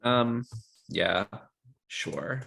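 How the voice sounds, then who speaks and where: Male gamer, crisp bright edge with plenty of vocal fry, tentative casual tabletop talk. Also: medium pitch, lively intonation, extremely slow. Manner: hesitant, deliberating aloud. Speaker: tabletop game player. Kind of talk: casual game chat.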